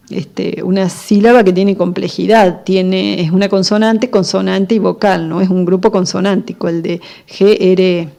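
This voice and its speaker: Argentine woman lecturer, warm low-key timbre, patient explanatory delivery full of pauses. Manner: explanatory, frequent fillers and pauses. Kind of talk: recorded lecture on literacy.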